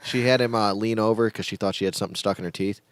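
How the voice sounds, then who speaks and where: A man's voice: on the low side, steady tone, rapid-fire, clean tone, no room sound. A man in a casual podcast chat over drinks, wry and sarcastic.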